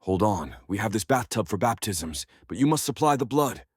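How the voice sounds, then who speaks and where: Sly spider monster priest guy doing it, kinda low and raspy, coaxing, fantasy tale. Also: sing-song, moderate pace, dry recording, studio quality. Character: sly cultish drow spider-creature, coaxing and sinister.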